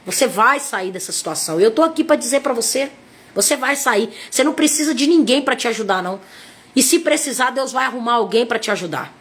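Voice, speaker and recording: A woman's voice: fairly high pitch, expressive, fairly quick, a bit bright. A middle-aged woman missionary with a Brazilian accent, preaching in a conversational, emphatic way and repeating her points straight to her listeners. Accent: Brazilian Portuguese. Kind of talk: conversational sermon.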